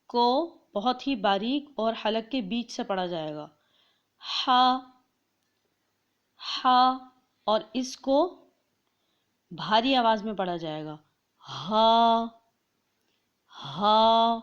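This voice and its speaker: A woman teaching Quran pronunciation to children's teachers, drawing out each letter slowly for listeners to copy. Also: on the high side, animated, dull audio. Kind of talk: slow instructional pronunciation lesson.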